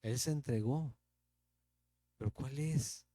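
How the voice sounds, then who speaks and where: A man's voice: medium pitch, slow, mellow, no room sound. A man with a Mexican Spanish accent teaching the Bible verse by verse as a pastor, in a conversational preaching manner with rhetorical questions.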